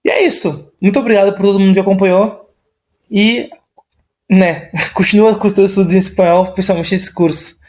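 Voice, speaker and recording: High-voiced Brazilian man teaching Spanish. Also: steady tone, brisk, a little mellow. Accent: Brazilian Portuguese. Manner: casual, explanatory, frequent tag questions. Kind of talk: online language lesson.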